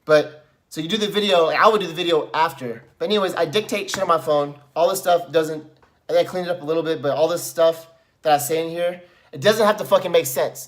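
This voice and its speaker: A man's voice: fairly high pitch, fairly bright tone. A middle-aged man coaching bluntly and with heavy profanity, breaking into furious rants as an example. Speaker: self-help coach. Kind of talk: tutorial with example venting.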